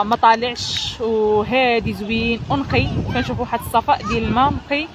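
An energetic, chatty woman with a Moroccan Arabic accent gives unscripted live commentary as a field reporter, often repeating herself. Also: a little high. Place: outdoors at a seaside beach. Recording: noisy outdoor beach with crowd sounds.

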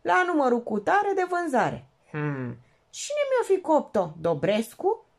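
A woman reading an audiobook, voicing an excitable, sarcastic woman sleuth who talks in quick, mocking exclamations. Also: sits high, gravelly, voice pushed up, exaggerated voice. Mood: exasperated.

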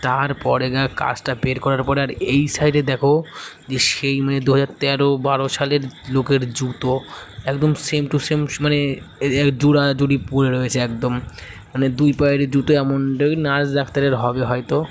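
A man with a medium-pitched voice narrates a vlog voice-over of his walk through an abandoned hospital, speaking at a normal pace in a completely flat delivery. He keeps it casual, describing what's shown on screen. There's slight background noise.

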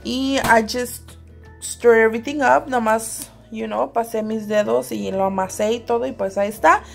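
A woman's voice: fairly high pitch, fairly even intonation, moderate pace, gravelly, faint music behind. A young woman vlogging from her home kitchen, chatting casually and switching between English and Spanish as she cooks. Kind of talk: casual cooking vlog chat. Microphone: handheld phone camera.

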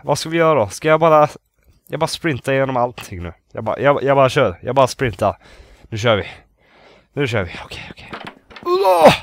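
A mid-range, expressive voice belongs to a Swedish gamer narrating a horror game, with no room sound in the recording. He grows nervous, talks under his breath, loops phrases, and lets out swears when startled.

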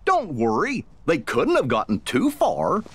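Goofy, a husky, bouncy cartoon sidekick. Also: male voice, on the high side, huge pitch swings, unhurried, a bit bright, heavily acted. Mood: easygoing. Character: goofy, good-natured cartoon sidekick, male.

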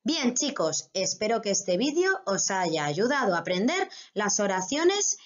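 A woman's voice: mid-range voice, big pitch swings, measured pace, dull audio. A female primary school teacher with a Spain Spanish accent, giving a recorded online grammar lesson to children and explaining patiently step by step.

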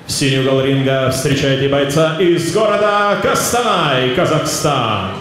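A man's voice: mid-range voice, lively intonation, a little slow, a bit bright. A young man working as a boxing ring announcer, formally presenting in a ceremonial style with stretched-out names over a handheld microphone. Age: young adult. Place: large indoor boxing venue with audience. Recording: echoey PA in noisy boxing hall.

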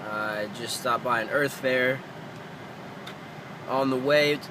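Young male vlogger, unhurried and offhand, phone held at arm's length, faint noise behind. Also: mid-range voice. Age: young adult. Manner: relaxed, slow and offhand. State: sick. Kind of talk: casual travel vlog. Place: car, campsite and tent.

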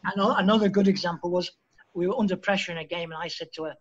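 A man from Liverpool, a football coach telling lively anecdotes as a podcast guest and acting out the dialogue. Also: high-pitched, very fast, highs cut off. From Liverpool, England. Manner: lively storyteller who acts out quoted dialogue. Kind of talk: anecdotal interview storytelling.

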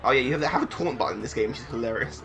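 A man's voice: medium pitch, rapid-fire, vocal fry, over music. A man casually commentating on a video game in a joking, chatty way. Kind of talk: casual let's-play commentary.

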